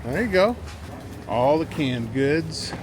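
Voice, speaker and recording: A man's voice: fairly high pitch, sing-song, slow pace. A man hosting a travel vlog, giving easygoing commentary while walking through a busy outdoor RV show. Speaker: vlog host. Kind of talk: casual walk-through commentary. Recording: noisy outdoor camera audio.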